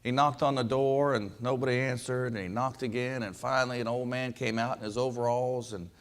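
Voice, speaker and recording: A man's voice: medium pitch, fairly even intonation, a little fast. A man from western Kansas, a basketball coach, giving a folksy storytelling speech with lots of fillers and repeated words. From western Kansas, USA.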